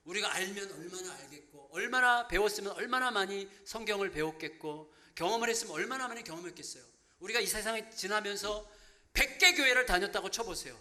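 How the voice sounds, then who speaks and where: Male pastor, 50s, high and bright voice, preaching with animated, humorous storytelling. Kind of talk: sermon.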